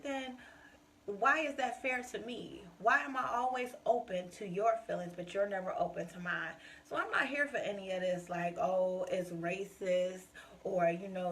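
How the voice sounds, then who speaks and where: Podcast host, woman, fiery and emphatic, gravelly edge, faint noise behind. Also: mid-range voice, a bit bright. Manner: passionate, emphatic, direct address to listeners. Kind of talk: casual solo podcast monologue.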